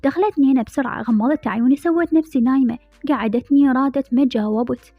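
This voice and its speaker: High-voiced Iraqi woman reading a novel. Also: fast talker, husky, dry recording. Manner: intimate first-person storytelling. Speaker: narrator. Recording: dull lo-fi recording with faint music.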